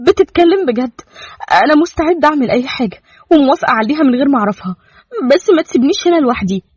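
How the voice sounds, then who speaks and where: A man's voice: extremely high pitch, lively intonation, rapid-fire, husky, no echo, voice pushed up, full character voice. A man voicing a young, naive Bedouin girl with an Egyptian Arabic accent, asking eager, wide-eyed questions in a storybook reading. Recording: dull lo-fi dry recording.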